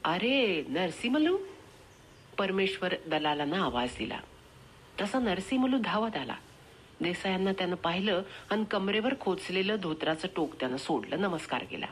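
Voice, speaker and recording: A woman narrating a short story in a measured, expressive reading. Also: on the low side, slight background noise.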